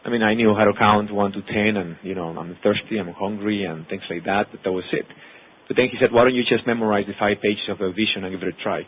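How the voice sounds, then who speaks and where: With a lowish voice and a fast way of talking, a man from Mexico in his thirties, an actor and producer, addresses an audience with earnest personal testimony in his Mexican accent; Spanish is his native language. He strings words into long lists, and the audio is tinny, phone-like.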